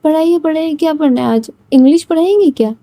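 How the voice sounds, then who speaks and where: A woman storyteller doing a cheeky young student girl in a spoken Hindi storybook, light and high, always teasing. The voice sounds warm and close, with no room around it. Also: fast talker, no echo. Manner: playful, teasing.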